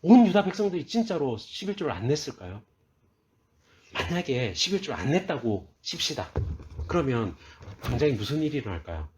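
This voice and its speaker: A man's voice: medium pitch, very animated, a little fast. A man preaching a sermon as a pastor, asking his listeners questions and answering them himself, and raising his voice to read scripture aloud. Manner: reads scripture aloud in a raised, forceful voice.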